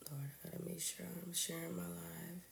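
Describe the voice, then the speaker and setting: A woman's voice: lowish voice, little pitch movement, normal speed, gravelly, echoey room, slight background noise. A woman, a registered nurse hosting a casual livestream, greeting viewers by name and a little congested from a cold.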